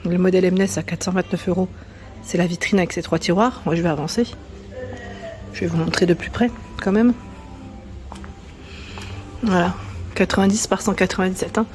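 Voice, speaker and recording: Woman, mellow-voiced vlogger, phone in hand, casual chatty walkthrough of a big store, faint music behind. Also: fairly low pitch, fairly even intonation, normal speed, long pauses. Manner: chatty, reads out prices and sizes, many tag-on fillers. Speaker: vlogger touring a furniture store. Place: inside a large furniture store.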